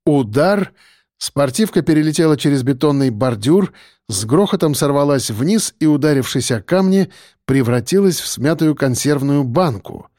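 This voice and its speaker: A man's voice: fairly high pitch, lively intonation, moderate pace, darkish tone, dry recording, clean studio sound. A man narrating an audiobook in a dramatic storytelling manner.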